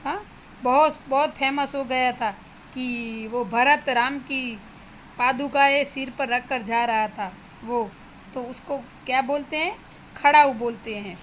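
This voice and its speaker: A woman with a Gujarati accent, teaching Hindi and explaining an exercise to students slowly and steadily, slipping English words into her Hindi. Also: high-pitched, a bit bright, a little hiss or hum, rough recording.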